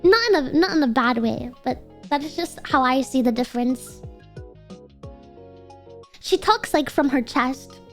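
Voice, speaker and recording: A young adult woman with a nasal, girlish voice, chatting casually and excitably to livestream viewers in a cute anime-streamer manner. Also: high-pitched, unhurried, pauses often, faint music behind. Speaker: VTuber livestreamer.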